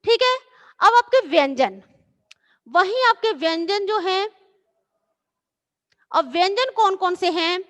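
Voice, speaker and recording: A woman's voice: very high voice, lively intonation, fairly bright tone. A woman teacher patiently reciting letters and explaining to children in an online class. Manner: slow, patient, drawn-out recitation.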